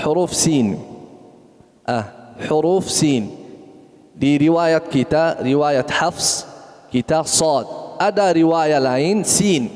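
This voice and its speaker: A man teaching Quran recitation, correcting pronunciation and repeating letter sounds slowly. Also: on the high side, a little mellow, in a large hall. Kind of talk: tajweed lesson with recitation.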